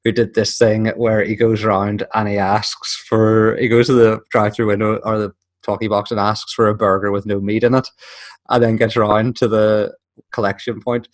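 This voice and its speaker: Casual man, lower voice. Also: little pitch movement, moderate pace. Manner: swears freely, acts out quoted voices. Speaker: podcast co-host. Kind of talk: casual chat.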